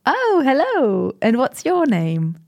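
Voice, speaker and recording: A woman playing a friendly, curious oral-history interviewer in an audio drama, asking questions in an encouraging, expressive way. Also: sits high, slow, full character voice. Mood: sweet, friendly. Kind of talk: conversational interview acting.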